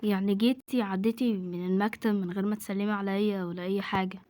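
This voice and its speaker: A woman's voice: medium pitch, fairly even intonation, fast talker, warm tone, dry recording, natural voice. A woman with an Egyptian accent voicing a young man at an office who apologizes and pleads in an amateur home drama. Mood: apologetic.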